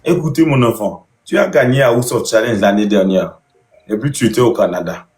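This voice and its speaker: A man's voice: lowish voice, a little fast, darkish tone. Emphatic man in a roomy space. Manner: emphatic, repeats himself. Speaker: live stream host. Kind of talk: casual live chat. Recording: roomy echo.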